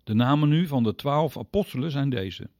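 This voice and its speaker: A man teaching the Bible on the radio, speaking directly to his listeners and explaining step by step, with sudden pitch leaps on key words. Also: animated, moderate pace, a little mellow, no echo, clean studio sound.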